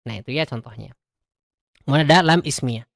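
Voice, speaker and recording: A man's voice: medium pitch, gravelly, fairly bright tone, no room sound. Chatty man teaching recitation, dry close sound. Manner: chatty, asks rhetorical questions, chants verses slowly and drawn out. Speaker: online class teacher. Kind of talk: relaxed teaching with chanted recitation examples.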